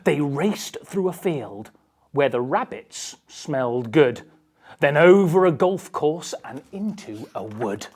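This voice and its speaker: A woman's voice: sits low, lively intonation, slow, a little mellow, husky. A woman reading a children's picture book aloud with theatrical, dramatic emphasis. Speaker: storybook reader.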